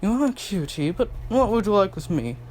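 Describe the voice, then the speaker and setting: A man's voice: sits high, sing-song, a little fast, darkish tone, a little hiss or hum, voice pushed up. A man voicing a smug, condescending male demon kingpin.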